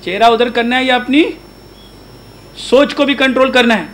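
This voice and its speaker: A man's voice: very high-pitched, steady tone, a bit bright, slight background noise, rough recording. A man giving a religious lecture as a Quran teacher. He keeps asking his audience questions and mixes English words into his talk. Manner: asks the audience frequent questions; chants prayer verses aloud.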